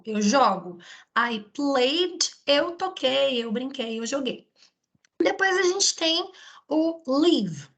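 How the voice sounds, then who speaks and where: A woman's voice: high voice, pushed and bright. A woman with a Brazilian Portuguese accent teaching a recorded video lesson, explaining step by step and often checking in with her students. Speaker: English teacher.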